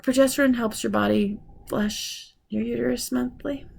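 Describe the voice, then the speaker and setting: A woman in her forties chatting casually in a vlog, telling stories with animated retellings of conversations and sounding frustrated. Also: fairly high pitch, moderate pace, vocal fry, breathy edge. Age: 40s. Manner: animated storytelling, acting out quoted conversations; frustrated, ranting. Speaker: vlogger. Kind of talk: casual chat.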